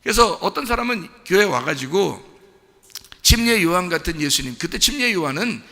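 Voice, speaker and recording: A man's voice: sits high, big pitch swings, normal speed, bright, forceful tone, in a large hall. A man preaching a sermon as pastor, talking with the congregation and asking them questions. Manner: conversational, asks the congregation questions. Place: church sanctuary.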